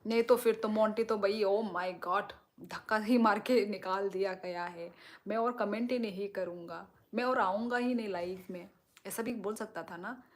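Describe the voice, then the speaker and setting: A woman's voice: mid-range voice, moderate pace. A woman hosting a live stream, reading viewers' comments and reassuring them at length. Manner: talks directly to viewers, reassuring and explaining at length. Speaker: livestream host.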